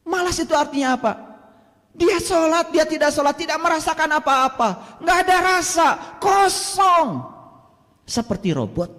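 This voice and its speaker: A man with an Indonesian accent delivers a sermon in a strikingly high voice, swinging from loud bursts to near whispers. He slows to chant Arabic verses, and his words ring out with a long hall reverb. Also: animated. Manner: dramatic, swings from loud to hushed. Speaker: religious teacher.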